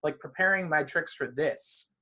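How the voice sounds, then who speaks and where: A man's voice: fairly high pitch, normal speed, pushed and bright. A man being interviewed as a magician, talking animatedly in long, rambling runs of casual conversation. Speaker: magician guest.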